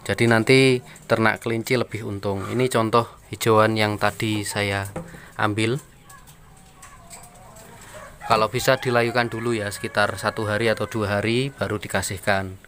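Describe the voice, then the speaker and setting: Man, lowish voice, relaxed how-to vlog, faint background noise. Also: moderate pace, pauses often. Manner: relaxed, explanatory, addresses viewers as friends. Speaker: rabbit farmer. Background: birds and chickens.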